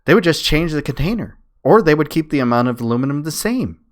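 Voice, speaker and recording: A streamer and debater speaks in a slightly high voice with lively intonation and a quick pace. He argues casually but emphatically, repeating his points the way people do in online debates.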